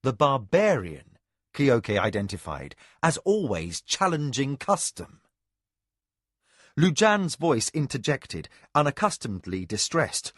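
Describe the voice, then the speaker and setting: A man narrating a fantasy audiobook in an expressive storytelling manner. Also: mid-range voice, slow pace, no room sound, clean studio sound. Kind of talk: scripted narration.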